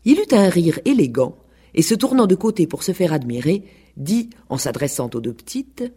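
Expressive woman narrating a radio tale. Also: on the low side, normal speed, husky. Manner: expressive storytelling.

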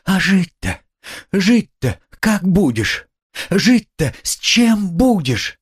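A man voicing a devout young woman who pleads with high, trembling urgency in an audiobook. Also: expressive, takes it slowly, breathy edge, heavily acted. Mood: fervent pleading. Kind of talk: audiobook character reading.

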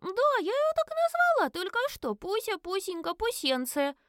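Squealing excited little girl. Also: moderate pace, no room sound, studio quality. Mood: gleeful. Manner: shrill squealing delight.

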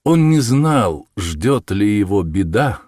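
A man narrating an audiobook in an expressive storytelling manner. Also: fairly low pitch, takes it slowly, dry recording, clean studio sound. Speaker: audiobook reader. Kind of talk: scripted narration.

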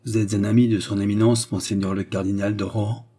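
A man reading an audiobook, voicing a scheming noblewoman who is frightened yet defiant, with a raised, pleading pitch. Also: little pitch movement, fast, dark tone, lightly acted. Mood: anxious.

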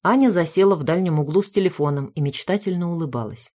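A woman reading aloud a humorous family story in the first person, with wry, lively storytelling. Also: lowish voice, fast talker. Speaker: audiobook reader.

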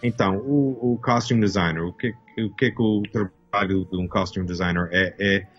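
Man, 50s, from Canada, very deep voice, hesitant, many restarts, slightly muffled recording. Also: normal speed, husky, soft background music. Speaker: guest costume designer. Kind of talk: casual interview talk.

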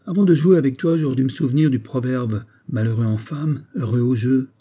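A man voicing a brutal, mocking soldier with a loud, jeering delivery in an audiobook reading. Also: mid-range voice, fairly quick, pitched above the performer's own voice, close to an everyday voice. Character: brutal hulking male grenadier, mocking and quarrelsome.

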